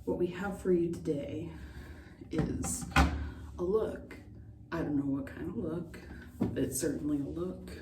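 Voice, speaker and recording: Giggly drunk woman, slow and roomy. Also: low voice. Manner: giggly, tipsy drunk rambling; self-deprecating, sweary. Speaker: beauty vlogger. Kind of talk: casual makeup tutorial chat. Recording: roomy, distant mic, faint noise.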